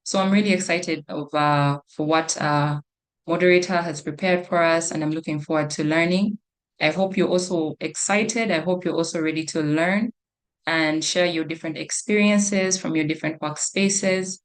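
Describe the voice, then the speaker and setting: A woman's voice: sits low, steady tone, normal speed. Very polite woman opening an online meeting. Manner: formal, very polite conference-call address. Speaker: program associate introducing an online roundtable session. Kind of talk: online event introduction. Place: online video or conference call.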